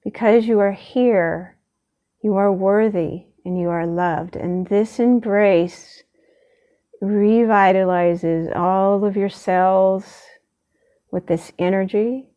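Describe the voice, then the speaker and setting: Heard through a muffled recording, a woman's steady, mid-range voice leads a gentle guided meditation, soothing and unhurried, with long pauses separating short phrases.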